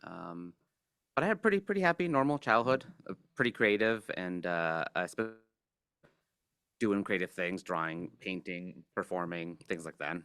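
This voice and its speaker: A man in his forties from Mexico, a guest puppeteer in a casual interview, talking in a relaxed, hesitant way with many fillers and restarts. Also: low voice, moderate pace, smooth, dry recording, clean studio sound.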